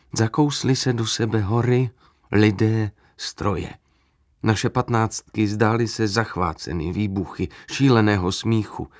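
A man narrating a literary story in the first person, in a measured, dramatic way. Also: on the low side, dry recording, studio quality.

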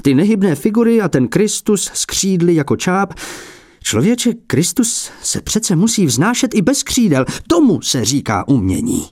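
Man playing a cranky old abbot, thin and high, jumpy in pitch, jealous of rivals; storybook read-aloud. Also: sing-song, darkish tone, no room sound, clean studio sound. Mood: huffy. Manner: high, piping and peevish, mocking rivals. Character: old male abbot and icon painter, fussy and jealous.

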